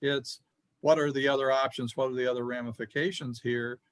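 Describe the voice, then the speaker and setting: A man's voice: medium pitch, fairly even intonation, a little fast, clear, resonant tone, no echo. A man questioning counsel from the appellate bench, skeptical and probing. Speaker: appellate judge. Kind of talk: appellate oral argument.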